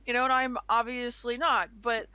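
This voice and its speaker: A woman's voice: fairly high pitch, flat delivery, normal speed, sharp tone, clean tone, no echo, muffled recording. A young woman co-hosting a casual podcast chat, chatty and giggly, rambling with restarts. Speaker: co-host.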